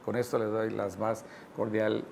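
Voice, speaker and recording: A man with a Yucatecan Spanish accent giving a lecture at a measured pace, often adding "eh" fillers and "¿no?" tags. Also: fairly low pitch, little pitch movement, vocal fry, a little mellow, slight background noise. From Yucatán, Mexico. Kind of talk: online lecture.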